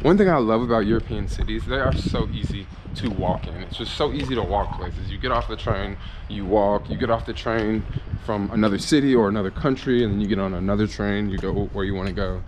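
A man's voice: fairly low pitch, fairly quick, crowd noise. A young American man casually talking through a train trip and a walk around a city, easygoing and upbeat. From United States. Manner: easygoing, upbeat, thinking aloud. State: short on sleep. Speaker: travel vlogger. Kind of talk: casual travel vlog. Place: trains, stations and city streets. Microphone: camera-mounted mic, handheld wide-angle. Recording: noisy handheld camera audio outdoors. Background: station and street noise.

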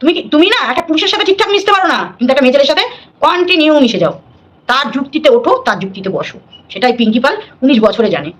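A woman's voice: sits high, expressive, rapid-fire. A middle-aged woman, hosting a live stream, scolding and defiant, repeating her points.

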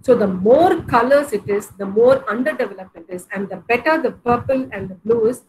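A woman's voice: fairly high pitch, lively intonation, moderate pace, a little mellow. A woman with a South Indian accent giving an online mental health lesson to teenagers, explaining with examples and often repeating words as she goes. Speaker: mental health session presenter. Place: indoors in a room at home or office, on video call. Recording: noisy video-call audio.

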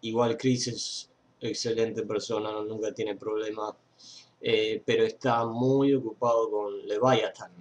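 A young Argentine man with an Argentine Spanish accent hosts a fan page's casual news chat from a computer in an indoor room, using a webcam mic. His voice is lowish, level and unhurried, and he rambles with many fillers and restarts over slight background noise.

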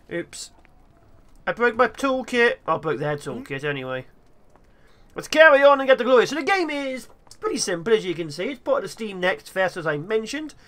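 A man's voice: high-pitched, moderate pace. A man giving playful, theatrical gameplay commentary as a gaming video host. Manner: excitable, theatrical.

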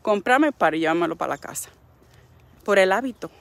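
Dominican lady, middle-aged, wellness coach type, blunt and preachy, faith-y pep talk, normal pitch. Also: expressive, brisk, creaky, a bit bright, no echo. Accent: Dominican Spanish. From Dominican Republic. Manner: frank, exhorting, preachy. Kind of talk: faith-based motivational talk.

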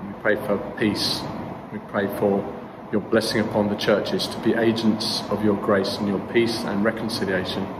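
A man's voice: fairly low pitch, level tone, moderate pace. Man praying in an echoey church hall. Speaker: pastor leading prayer. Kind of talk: spoken congregational prayer. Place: church hall with brick walls. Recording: roomy hall echo, background noise.

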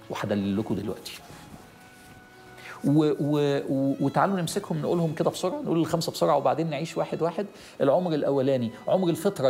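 Man, Egyptian Arabic accent, middle-aged preacher, rapid emphatic sermon, gravelly edge, faint music behind. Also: fairly high pitch, darkish tone. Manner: emphatic, repeats key phrases, addresses listener directly.

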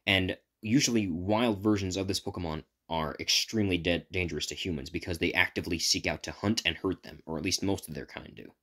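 A man improvising a fan story, rambling with frequent stops and restarts as he retells it. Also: deep voice. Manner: rambling, stop-and-start retelling.

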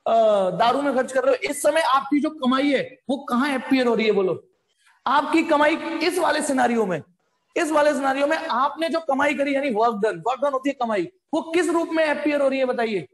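Brief: very high-voiced male tutor, jokey and pushy, echoey room. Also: brisk, a bit bright. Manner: playful, jokey, coaxing students to answer. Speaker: physics teacher. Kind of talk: live online class lecture.

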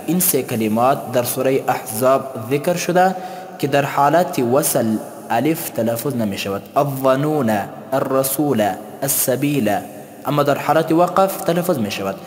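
A man teaching a tajweed lesson. He explains slowly and chants the example words. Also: mid-range voice, darkish tone. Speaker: Quran recitation teacher. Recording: long hall reverb.

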